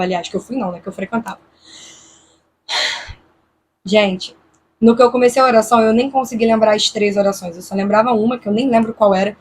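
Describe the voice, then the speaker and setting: A Brazilian woman vlogger with a fairly high voice recounts a frightening night to the camera, casual yet tense and animated. She voices her own thoughts as she goes, over a little hiss or hum.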